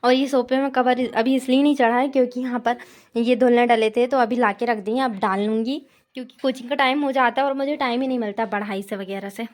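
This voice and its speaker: A fairly high-voiced young woman talks easily to her viewers, calling them "bhai" and "yaar". She gives a relaxed tour of her small home and sounds like she is filming on a handheld phone indoors. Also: fairly quick. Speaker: vlogger. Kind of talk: casual home tour vlog.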